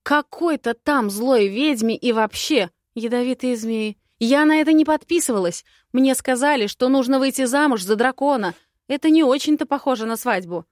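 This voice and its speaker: A woman reading an audiobook voices a feisty, sarcastic young bride with shrill, exasperated outbursts. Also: moderate pace, no room sound, clean studio sound, natural voice. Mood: panicked.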